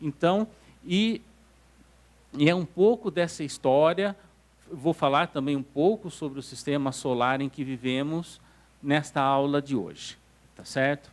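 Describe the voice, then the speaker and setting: A man with a Brazilian Portuguese accent teaching an astronomy class in a lecture hall. His voice sits a little high for a man. He explains step by step and keeps checking that the audience is following. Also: a little slow. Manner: explanatory, checks understanding with "tá certo?". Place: council hall lecture room.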